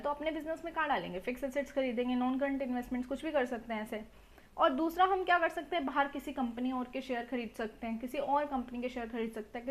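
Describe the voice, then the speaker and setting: A young woman teaching a quick revision lecture, talking fast and asking her students lots of rhetorical questions, recorded on a mobile phone. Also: high voice. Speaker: accounts teacher. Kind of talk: quick revision lecture mixing Hindi and English.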